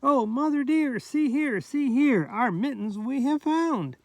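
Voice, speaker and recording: Man doing high-pitched eager little kittens. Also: expressive, unhurried, no echo, full character voice. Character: three little kittens, small, anxious and eager.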